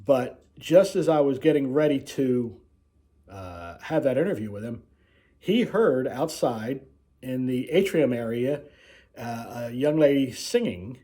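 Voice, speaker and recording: Rambling male vlogger, medium pitch. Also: animated, warm tone. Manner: rambling storytelling with frequent pauses. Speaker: video host, cruise vlogger. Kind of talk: casual unscripted video introduction.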